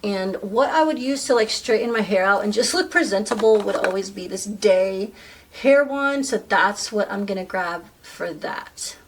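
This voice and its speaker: A woman's voice: medium pitch, lively intonation, moderate pace. Chatty woman a bit off-mic. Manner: chatty and self-deprecating, with rambling asides. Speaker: beauty vlogger. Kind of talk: casual chat while doing makeup. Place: at home. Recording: voice a bit far from the mic, faint noise.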